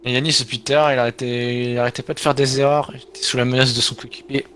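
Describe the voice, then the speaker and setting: A man's voice: mid-range voice, level tone, fast, fairly bright tone. Male motorsport commentator, noisy background. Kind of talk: live race commentary, co-commenting. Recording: clear background noise with vehicle sounds.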